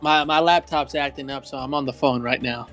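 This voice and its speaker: A man's voice: medium pitch, steady tone, a little fast, a bit bright, soft background music. A man in a tabletop game session, speaking casually and offhandedly over a phone call. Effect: heard over a phone call. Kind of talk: casual chat.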